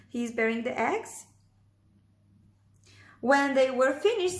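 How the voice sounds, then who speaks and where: Higher-voiced woman storyteller in an echoey room. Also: a bit bright. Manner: exaggerated sing-song, addressing young children directly. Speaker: children's storyteller. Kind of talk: storybook read-aloud for young children.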